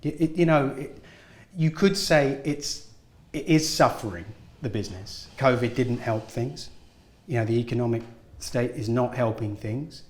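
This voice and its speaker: A man talks through earnest, encouraging advice as an interview guest. His voice sits at an ordinary pitch. The room around him is roomy and echoey. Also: measured pace, few pauses. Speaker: guest actor. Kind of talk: casual interview talk. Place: film studio at a school event.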